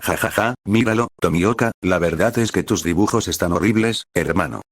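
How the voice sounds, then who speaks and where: A man voicing a rough male swordsman who taunts and mocks. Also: low-pitched, normal speed. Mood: mocking.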